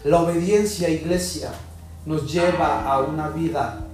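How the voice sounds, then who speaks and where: Woman preacher, animated sermon, mocking impressions, very echoey hall, faint music. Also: low voice, unhurried. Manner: animated, mimics people in mocking voices. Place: large echoing church hall.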